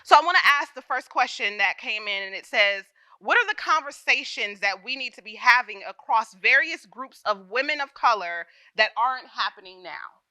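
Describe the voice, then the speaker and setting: A woman's voice: on the high side, lively intonation, moderate pace, hardly any pauses, no echo. Effusive woman moderator, dry close sound. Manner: effusive, warm, exclamatory. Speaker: host and moderator. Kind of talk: moderating a panel conversation.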